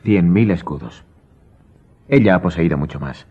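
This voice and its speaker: A composed, cryptic rich count from radio drama, acted by a man. He has a deep, rasping-soft husky voice and speaks in measured, self-assured phrases. The recording is a little dull. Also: lively intonation. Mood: composed, enigmatic. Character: mysterious, wealthy count, composed, cryptic and commanding. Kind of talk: Spanish-language radio drama acting.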